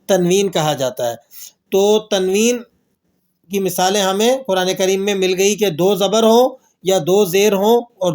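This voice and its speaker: A man with a fairly high-pitched voice teaches the rules of Quran recitation. He poses questions and answers them himself, and slowly draws out the verses he recites as examples. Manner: slow drawn-out recitation of verses. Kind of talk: tajweed lesson with recited examples.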